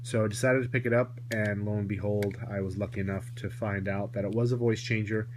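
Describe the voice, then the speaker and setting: A toy collector reviews a vintage toy hands-on, a man rambling casually and correcting himself in asides as he goes. His voice is lowish and steady, a little fast. It is a noisy home recording with electrical hum.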